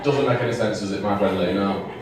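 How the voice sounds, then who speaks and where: A man's voice: on the low side, fast, very noisy. A young man doing a stand-up set, chatting and teasing the audience between jokes, with laughter from the crowd. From England. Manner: chatty, rambling, swears, teases the audience. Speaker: stand-up comedian. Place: small comedy venue with a live audience. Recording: echoey room, mic picked up from a distance.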